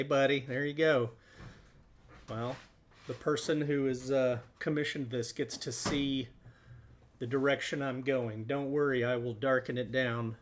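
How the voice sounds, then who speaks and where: A man hosting a live painting stream, talking through each step in a relaxed way as he works. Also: medium pitch. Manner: relaxed, thinking aloud while working. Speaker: host.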